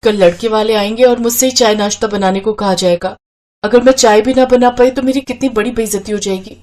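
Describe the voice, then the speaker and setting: Woman doing a hot-tempered young twin sister, cartoon, high and loud, angry scolding. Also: steady tone, fairly quick, close to an everyday voice. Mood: worried.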